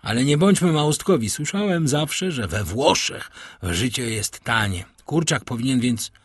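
A man's voice: medium pitch, expressive, normal speed, husky, no echo, studio quality. A man voicing a proud, hungry male banker held captive, who talks in a wheedling yet haughty way.

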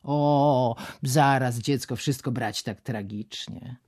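A woman's voice: rumbling low, takes it slowly, a little mellow, dry recording, clean studio sound, voice pushed down, exaggerated voice. A woman voicing a male swindler who coaxes and then threatens, in a spoken storybook reading. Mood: coaxing. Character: menacing male swindler, coaxing then brutal.

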